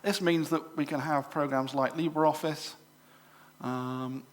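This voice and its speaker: A middle-aged English man giving a live demonstration to a club audience, chatty and full of fillers and quick self-corrections. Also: on the high side, fairly even intonation. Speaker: presenter at a computer club show. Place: exhibition room at a club show.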